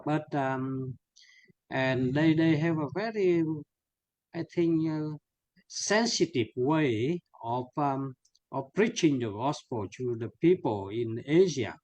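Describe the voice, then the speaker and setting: A man in his sixties with a Vietnamese accent, speaking as a priest guest in an earnest, halting interview, often pausing to search for words. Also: mid-range voice, darkish tone, no room sound. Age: 60s. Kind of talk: conversational interview.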